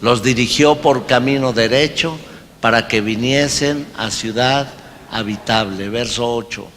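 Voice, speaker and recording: A male pastor preaching a sermon, slow and emphatic, rising into loud shouted cries. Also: mid-range voice. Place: large church hall. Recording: long hall reverb, faint music.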